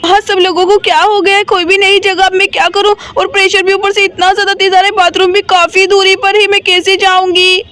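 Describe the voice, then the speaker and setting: A woman's voice: extremely high pitch, little pitch movement, fairly quick, hardly any pauses, pushed and bright. A woman voicing a sick mother in a doll story, fretting anxiously and asking over and over what to do. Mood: panicked. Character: sick, tied-up mother, fretful and panicky.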